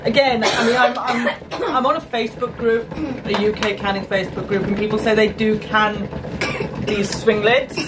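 A woman's voice: mid-range voice, fairly even intonation, moderate pace. Chatty woman in a noisy kitchen. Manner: chatty, explains as she works. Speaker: homestead vlogger. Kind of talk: casual kitchen chat. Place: small home kitchen, indoors. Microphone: camera mic on the counter. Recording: noisy kitchen camera audio.

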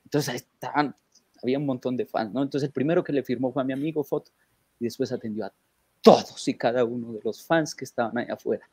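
A man tells emotional anecdotes with animated energy, often tagging a "¿no?" on the end. His voice sits at a middle pitch. It is recorded dry and close, with almost no room sound. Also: fast, slightly rough, dry recording. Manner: animated, emotional storyteller with lots of "¿no?". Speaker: guest telling anecdotes. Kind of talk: casual conversation, storytelling.

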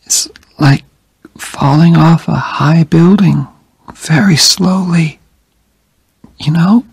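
A man voicing a frail, dying young woman who is tender and stubborn, in a breathy high whisper. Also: takes it slowly, dry recording, full character voice.

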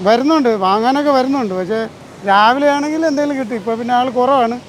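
A man's voice: very high-pitched, fast. A male fish seller with a Kerala Malayalam accent, giving casual interview answers outdoors. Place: outdoor beach fish market. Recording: faint outdoor noise and vehicles.

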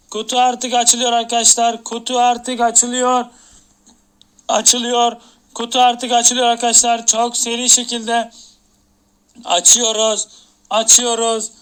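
Very high-voiced hyped male streamer. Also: fairly bright tone, smooth. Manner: repetitive, hyped countdown talk. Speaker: game streamer. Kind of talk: live game-stream chatter.

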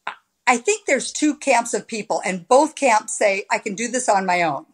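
A woman in her sixties, a podcast guest, telling her story in a lively, animated way over a video call from a room at home. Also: on the high side, normal speed, husky. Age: 60s. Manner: animated storyteller with big hand gestures. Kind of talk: casual interview chat. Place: home room with high ceiling. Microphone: laptop webcam on a video call.

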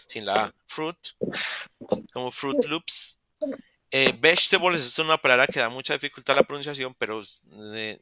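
Clear-voiced man teaching English. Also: medium pitch, bright, forceful tone, dry recording, clean studio sound. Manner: patient, repeats words slowly for pronunciation. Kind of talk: virtual class explanation. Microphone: video call.

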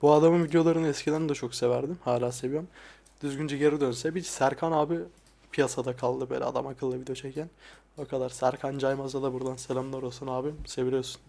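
Soft-spoken swearing young man. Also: steady tone, quick pace, creaky. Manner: crude, frequent swearing; soft-spoken, dropping voice low at times. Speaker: ASMR YouTuber. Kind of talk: casual soft-spoken vlog. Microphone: lapel mic.

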